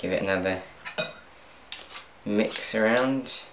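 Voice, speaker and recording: A young man with a lowish voice chats slowly with viewers while cooking in his home kitchen, laughing at his own slip-ups as a cooking vlogger. The recording is noisy and echoey, with pans clattering faintly.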